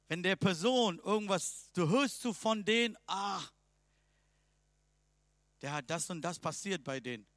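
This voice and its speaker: A man preaching a sermon emphatically, swinging between loud and soft passages. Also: medium pitch, no room sound.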